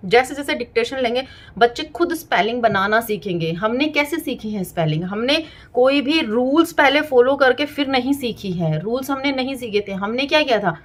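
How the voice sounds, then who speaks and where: Tutorial host, woman, thirties, a bit high-voiced, patient, breaks words into syllables and spells them letter by letter. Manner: repeats "theek hai" as a check-in. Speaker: parenting and teaching channel host. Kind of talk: explanatory home tutorial.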